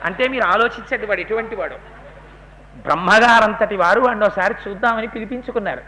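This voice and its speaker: A man delivering a devotional discourse in a high, bright voice. He tells the epic as a dramatic storyteller, acts out the quoted lines, and moves easily into chant. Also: quick pace, poor audio. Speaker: religious discourse speaker.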